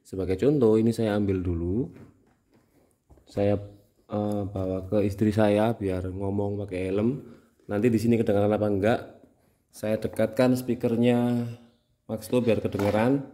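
A man with a Javanese Indonesian accent hosts a casual how-to tutorial, demonstrating something indoors in a small room at home. His voice sits on the low side and has a warm tone.

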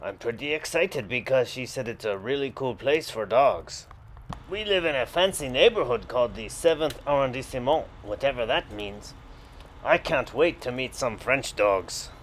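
A man's voice: mid-range voice, a little hiss or hum, close to an everyday voice. A man voicing an eager young dog who tells his own story, chatty with exasperated asides. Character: young boy dog, eager and easily sulky.

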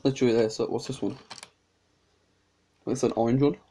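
A man's voice: mid-range voice, fairly even intonation, brisk, warm tone. A young man vlogging casually, chatty and rambling, talking with his mouth full of candy. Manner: rambling, chatty, exclaiming over the taste. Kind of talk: casual taste-test vlog.

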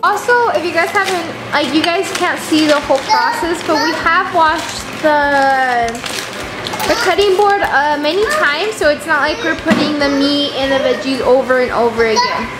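A woman's voice: sits high, moderate pace, heavy background noise. A teenage girl narrating a casual home cooking vlog, chatty and upbeat with lots of "like" and "um", filmed on a handheld camera in a home kitchen. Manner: chatty, upbeat, uses "like" and "um" often. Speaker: vlogger.

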